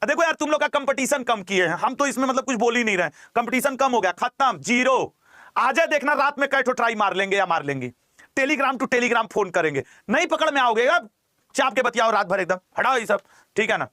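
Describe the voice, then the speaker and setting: Male exam coach, very high voice, dry close sound, jokey lecturing, repeats key terms. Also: lively intonation, fairly quick, bright, forceful tone, dry recording. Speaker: teacher.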